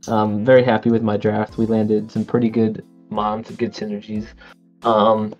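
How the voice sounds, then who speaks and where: A man's voice: on the low side, moderate pace, faint music behind. Chill guy on a podcast, lots of ums, kinda muffled mic. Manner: relaxed, lots of ums, laughs easily. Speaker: podcast co-host. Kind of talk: casual chat.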